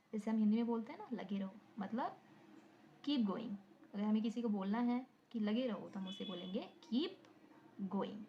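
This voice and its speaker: A woman's voice: fairly high pitch, darkish tone, a little hiss or hum. A woman teaching a beginner lesson. She asks a question about each phrase and then repeats the answer. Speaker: English teacher, channel host. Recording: dull lo-fi recording.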